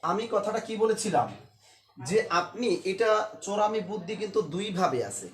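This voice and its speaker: High-voiced man teaching a class. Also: expressive, moderate pace. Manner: explains step by step, asks and answers his own questions. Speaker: Bengali language teacher. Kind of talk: classroom lecture. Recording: roomy echo, faint ambient noise.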